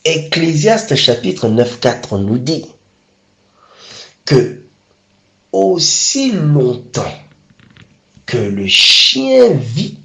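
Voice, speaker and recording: A man's voice: on the high side, very animated, drawn-out words, creaky, long pauses, a bit bright. A man preaching a sermon, emphatic and repeatedly calling his listeners beloved. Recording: echoey room.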